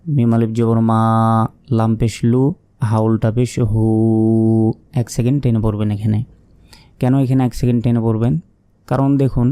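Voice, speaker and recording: A man's voice: medium pitch, warm tone, no echo. A man teaching Quran reading step by step, spelling out letters and marks, asking questions and then answering them patiently.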